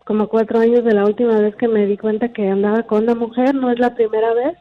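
A woman's voice: on the high side, little pitch movement, quick pace. A woman phoning in to a radio show, casually and hesitantly explaining herself. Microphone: phone. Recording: dull phone-in line, music behind.

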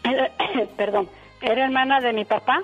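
Radio caller: high, chatty woman telling a story, dull phone sound. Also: fairly even intonation, moderate pace, slightly rough, soft background music. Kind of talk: phone-in chat. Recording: muffled phone line.

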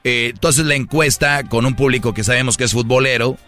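A Mexican man co-hosts a radio show in a mid-pitched, bright voice. He talks in an opinionated, lecturing tone, with soft music under him. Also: fairly even intonation, brisk. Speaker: radio co-host. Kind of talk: casual chat.

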